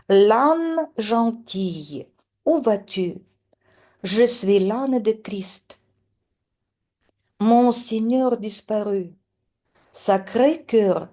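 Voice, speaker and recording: Slow, mellow-voiced woman teacher. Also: mid-range voice. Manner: slow, deliberate, expressive reading. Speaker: French teacher. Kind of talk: reading a poem aloud line by line with translation.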